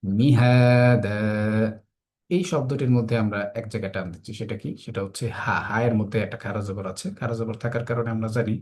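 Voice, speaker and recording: A man teaching a tajweed lesson for children, explaining the rules patiently step by step and reciting verses slowly with long drawn-out vowels. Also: on the low side.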